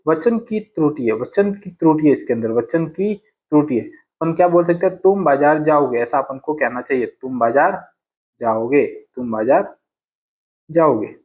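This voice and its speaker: A man's voice: on the high side, lively intonation, moderate pace. A man teaching exam grammar in a casual classroom way, repeating each sentence and asking and answering his own questions. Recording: dull lo-fi sound.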